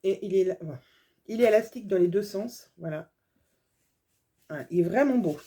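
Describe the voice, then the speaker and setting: French woman showing off sewing supplies, mellow voice, chatty and gushing. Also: medium pitch, moderate pace. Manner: chatty, gushing over small details, many fillers. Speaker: sewing vlogger. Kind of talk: casual haul video.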